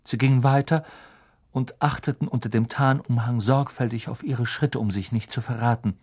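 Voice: mid-range voice, fairly even intonation, normal speed, darkish tone, slightly rough. An audiobook narrator reading a novel in a dramatic storytelling manner. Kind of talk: scripted narration.

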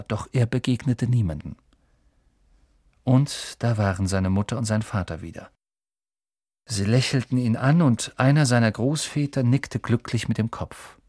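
A man calmly narrating a storybook in a measured way. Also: fairly low pitch, no echo, studio quality. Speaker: audiobook narrator.

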